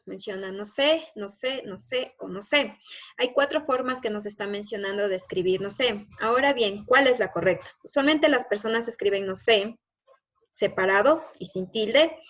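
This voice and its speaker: Woman teacher going over slides, kinda high voice, keeps checking "ya?", dull lo-fi sound. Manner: explanatory, checks in with frequent "¿ya?". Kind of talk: recorded lesson over slides.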